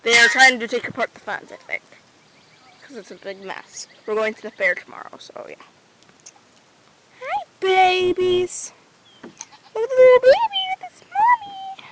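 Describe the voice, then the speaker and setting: A woman's voice: very high-pitched, huge pitch swings, a little slow, long pauses, a bit bright, low-quality recording. A woman filming a home video outdoors on a goat farm, chatting casually and cooing baby talk at the animals, captured on an old camcorder. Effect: old camcorder audio with faint hiss.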